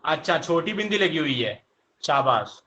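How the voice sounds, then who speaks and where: A man's voice: on the high side, sing-song, measured pace, crowd noise. A male teacher giving an online class, quizzing students with repeated questions and answering them himself. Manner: answers his own questions.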